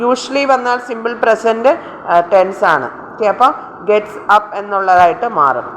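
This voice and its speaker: A woman English teacher with a Malayali accent going through exam questions, reading the English questions slowly and explaining more quickly. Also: mid-range voice, animated, a bit bright. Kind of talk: exam paper discussion lesson. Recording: roomy with faint background noise.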